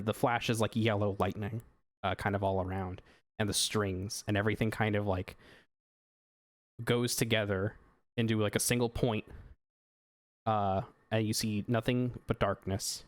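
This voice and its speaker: A man with a low voice runs a tabletop game, describing each scene in loose, rambling sentences full of fillers and restarts. The sound is dry and close to the mic. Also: fairly even intonation, moderate pace, dry recording. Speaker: game master.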